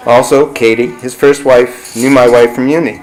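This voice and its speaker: A middle-aged man, speaking at a measured pace as he gives a reflective eulogy for a friend at a funeral. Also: mid-range voice, steady tone, slight background noise, rough recording. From Canada. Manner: slow, measured, warmly reflective. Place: funeral service venue.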